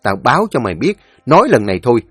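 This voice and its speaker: A man's voice: mid-range voice, big pitch swings, racing, fairly bright tone, husky, no room sound, studio quality, soft background music. A man voicing a blunt, threatening eldest brother. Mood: stern. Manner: blunt warning tone.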